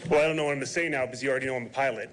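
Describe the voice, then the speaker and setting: A man's voice: mid-range voice, fairly even intonation, very fast, noisy background. A man, a sheriff's sergeant, giving a heartfelt memorial eulogy with moments of humor. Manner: heartfelt, joking at times.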